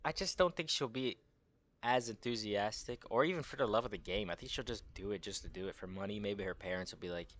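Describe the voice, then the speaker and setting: A man's voice: on the low side, fast talker, fairly bright tone. A young man hosting a casual gaming tier-list video, rambling in crude slang and losing his train of thought.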